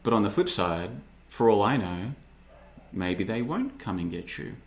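Speaking in a low, sing-song, unhurried voice, a man in his thirties hosts a podcast with a casual livestream monologue. He rambles and repeats himself, and his sarcastic streak comes out in mocking impressions of other people.

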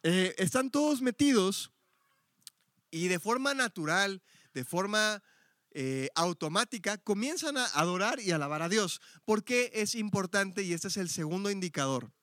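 High-voiced Mexico City man teaching church. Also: expressive, unhurried, fairly bright tone, dry recording, studio quality. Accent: Mexico City Spanish. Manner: chatty and explanatory, frequent "este" fillers and self-corrections, joking asides. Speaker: Bible teacher.

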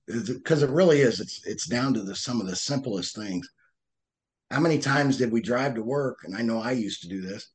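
A man talking casually as a podcast guest, telling stories with lively acted-out asides and frequent restarts. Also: medium pitch. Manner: animated storytelling, acts out angry drivers in raised voice; loose, repeats and restarts words. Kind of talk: casual conversational interview.

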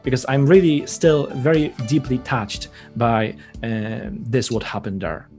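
Man, interviewer, earnest, slow, filler-heavy, mid pitch, faint music. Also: darkish tone. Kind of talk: conversational interview.

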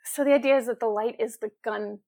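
Gravelly-voiced woman hosting a podcast. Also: fairly high pitch, fairly even intonation, fast, warm tone, no room sound, studio quality. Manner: enthusiastic, asks questions, restarts. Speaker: podcast host. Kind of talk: casual podcast conversation.

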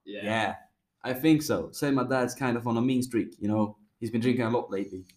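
A tough, streetwise boy gang leader acted by a man in an amateur drama read-through. He is brash, loyal and casual, with slangy talk at a medium pitch. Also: a little fast, darkish tone, natural voice. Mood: casual, keen.

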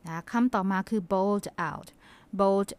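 A woman's voice: medium pitch, fairly even intonation, a little mellow, smooth. A woman from Thailand with a Thai accent, a podcast host reading a fable and patiently teaching English vocabulary. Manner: patient, explains slowly, polite sentence endings.

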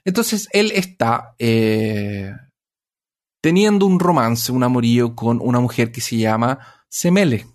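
A man's voice: medium pitch, lively intonation, unhurried. Man rambling through a myth retelling. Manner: rambling with many fillers and restarts, self-correcting. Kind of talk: casual storytelling in conversation.

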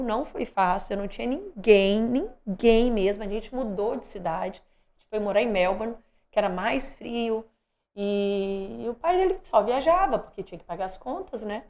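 A middle-aged Brazilian woman, a guest athlete, telling stories animatedly in a casual interview. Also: mid-range voice. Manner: animated, acts out quoted voices.

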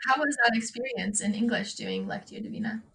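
A woman's voice: a little high, a little fast, creaky, sharp tone, poor audio. Thoughtful woman in casual discussion. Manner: thoughtful, with fillers.

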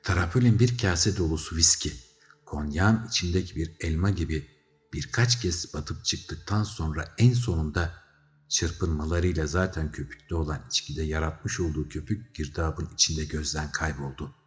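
Deep-voiced male narrator, dramatic audiobook read, slightly muffled sound. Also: moderate pace. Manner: dramatic storytelling, shouting characters' cries. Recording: slightly dull recording with faint music.

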